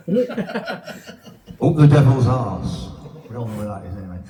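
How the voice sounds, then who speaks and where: A man's voice: mid-range voice, big pitch swings, measured pace, noisy background. Sweary Sheffield man in his fifties. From England. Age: 50s. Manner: blunt, sweary, rambling storytelling. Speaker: stand-up comedian. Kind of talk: stand-up comedy set. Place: pub function room. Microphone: stage mic with reverb. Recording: echoey reverb room from far off.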